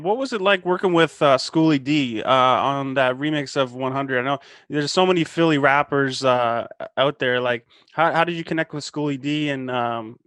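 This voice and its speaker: Man, podcast host, halting questions, casual interview, middling pitch. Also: fairly bright tone, no echo.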